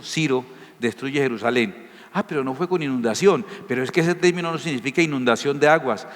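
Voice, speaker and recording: A man's voice: on the high side, fairly bright tone. A man preaching a sermon as a pastor, emphatic and firing rhetorical questions at his listeners. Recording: reverberant hall.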